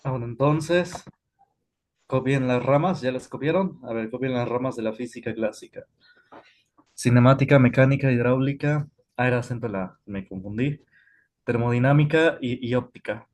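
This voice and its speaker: A man's voice: medium pitch, moderate pace. A man teaching a physics class, explaining step by step with frequent "este" fillers and self-corrections. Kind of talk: classroom lecture.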